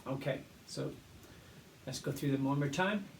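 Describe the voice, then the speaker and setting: A man teaching a primary school music lesson, explaining clearly and patiently and chanting rhythms aloud. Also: medium pitch, normal speed. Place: classroom. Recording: echoey room, mic at a distance, faint noise.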